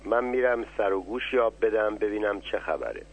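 A man reading a clever bossy sparrow chief in a radio story. He gives orders in a low, husky voice. The sound is tinny and narrow, like a phone line. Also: animated. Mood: commanding. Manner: commanding, giving orders. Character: bossy clever male sparrow flock leader.

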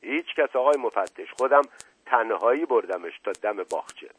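A man voicing a playful, quick-witted aristocratic gentleman who speaks in a mock-solemn, teasing way. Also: mid-range voice, expressive, breathy edge.

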